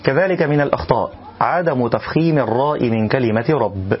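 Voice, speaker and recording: A man giving a measured spoken lesson, breaking into slow, drawn-out chanted examples as a recitation teacher. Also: mid-range voice, expressive, slightly rough, muffled recording.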